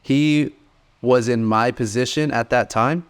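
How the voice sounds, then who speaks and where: A man's voice: medium pitch, unhurried, smooth. A man in his late twenties telling his story in a laid-back, rambling way as a podcast co-host. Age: 20s. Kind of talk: casual podcast chat.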